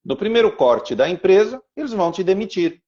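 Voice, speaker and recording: A man's voice: sits high, very animated, fairly quick, darkish tone. A man teaching on a podcast and telling a personal story, with rhythmic repeated phrases and stammered restarts. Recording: dull lo-fi sound.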